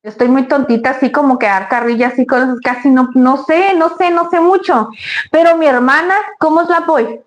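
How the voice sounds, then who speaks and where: A woman's voice: high-pitched, normal speed. A woman with a Mexican accent, hosting a cooking channel and chatting casually and effusively to her viewers. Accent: Mexican Spanish. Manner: chatty, effusive, laughs often, thanks viewers by name.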